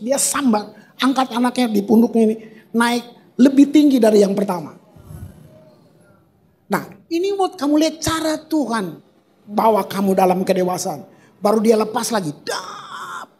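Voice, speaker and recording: A male pastor preaching a lively evening prayer sermon in a church service, animated and playful, with colloquial slang, rhetorical questions and acted-out sounds for emphasis. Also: high-pitched, moderate pace, pauses often. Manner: acts out sounds and cries for emphasis.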